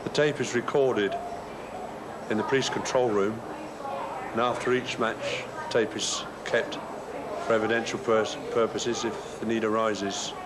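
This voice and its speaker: A male police officer with a lowish voice explains his job in formal, official terms. He is being interviewed outdoors, and the old worn tape carries heavy noise around him. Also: fairly even intonation, measured pace. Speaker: police officer operating surveillance camera.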